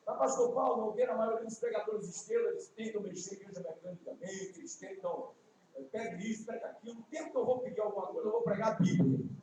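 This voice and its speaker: A man from Ceará in his fifties, with a Northeastern Brazilian accent, preaching an evangelistic sermon with folksy asides and slow, emphatic lines. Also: high voice, darkish tone, slight background noise. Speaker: guest preacher. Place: church sanctuary. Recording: echoey distant church livestream.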